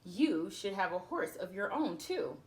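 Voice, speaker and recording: A woman voicing a kindly, concerned young fairy-tale prince in a children's storybook, gentle and earnest. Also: medium pitch, very animated, measured pace, pitched below the performer's own voice. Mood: agreeable, surprised.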